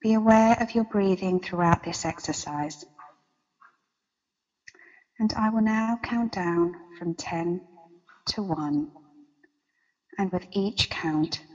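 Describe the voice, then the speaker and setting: A woman leading a guided meditation as a guide, with a slow, soothing countdown delivery. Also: on the low side, darkish tone, in a large hall, highs cut off. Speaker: meditation guide and interview guest.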